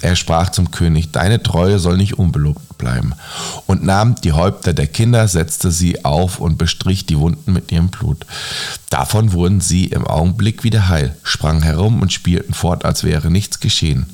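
A man calmly reading a fairy tale aloud as a bedtime story, in a measured storytelling manner. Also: low-pitched.

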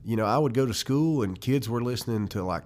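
A man's voice: medium pitch, animated, fast, a little mellow. A man in his forties from Western North Carolina with a Southern Appalachian accent, reminiscing casually in an interview as a musician guest. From Western North Carolina, United States. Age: 40s.

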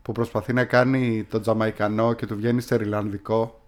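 A man's voice: fairly low pitch, level tone. Laid-back jokey man co-hosting. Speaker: co-host. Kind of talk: casual film chat.

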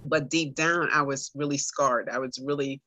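A woman guest on a podcast telling a personal story with animated, dramatic delivery. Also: a bass voice, normal speed, no room sound. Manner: animated, dramatic voices for herself in quotes.

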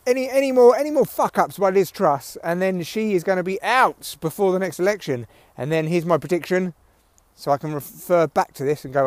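A man with a slightly high voice delivers a loose, opinionated solo podcast rant with some swearing. He talks into headphones used as his mic, so the sound is close and dry. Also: dry recording. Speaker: podcast host, comedian. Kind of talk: rambling solo podcast monologue. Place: outdoors in windy weather. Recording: recorded through headphone mic, rustly clicks.

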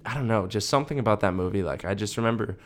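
Talking very fast in a lowish voice, a young man co-hosts a podcast. The chat is casual and rambling, packed with "like" and "dude."

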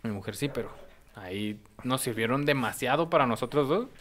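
A young man with a Mexican Spanish accent telling a story in casual podcast chat, animated and slangy, laughing as he goes. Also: mid-range voice, fairly quick.

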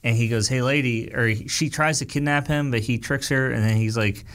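A man's voice: medium pitch, fairly quick. A man casually retelling a movie's plot, rambling and quoting the characters as he goes. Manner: rambling, animated retelling with quoted voices. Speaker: movie recapper. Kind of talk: casual movie recap chat.

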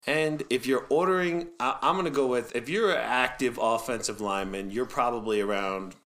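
A man's voice: medium pitch, normal speed, a bit bright. A man hosting a football coaching podcast, chatting casually in a jokey, opinionated way.

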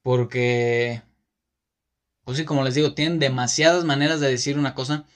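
A man's voice: medium pitch, fairly even intonation, normal speed. Man, Mexican Spanish accent, podcast host, casual monologue, rambling, self-correcting, lots of fillers.

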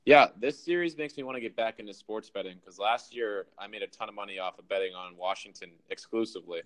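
A North American man with a fairly low voice co-hosts a sports podcast in a dry-sounding recording. He chats casually in a frat-bro manner, with crude, slangy banter. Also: fast, fairly bright tone, no echo, poor audio.

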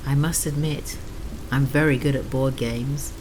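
A middle-aged woman narrating a sleep story in a soothing, intimate, sultry way, with a breathy voice that lapses into whispers. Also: very deep voice, measured pace. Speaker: host of a sleep story series. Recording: clear rain noise behind the voice. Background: steady rain.

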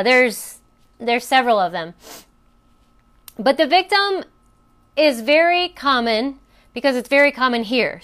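A woman hosts a personal coaching talk in a high, smooth, clear voice. She tells a story conversationally, with fillers and restarts. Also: a bit bright. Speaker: host.

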